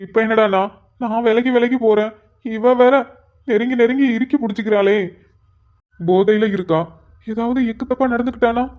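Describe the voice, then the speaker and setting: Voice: medium pitch, steady tone, normal speed, long pauses, lo-fi sound, close to an everyday voice. A performer voicing a flustered young married man in a cartoon, exasperated and pleading, with sighing asides.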